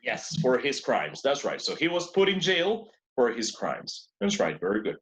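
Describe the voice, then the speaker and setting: A man's voice: medium pitch, wildly swooping pitch, measured pace, a bit bright. A man teaching an English class in two languages, who repeats words and keeps praising his students. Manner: switches between two languages to explain.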